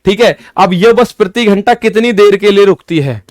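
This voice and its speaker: A man's voice: sits high, normal speed, dry recording, clean studio sound. A male maths teacher giving an exam-prep lesson, explaining step by step, repeating key points and talking directly to his students.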